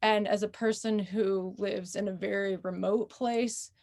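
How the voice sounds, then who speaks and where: American woman author, thoughtful interview voice, middling pitch, pauses often. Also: steady tone, creaky, a little mellow. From United States. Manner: thoughtful, with frequent pauses and fillers. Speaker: author in conversation. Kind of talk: casual conversational interview.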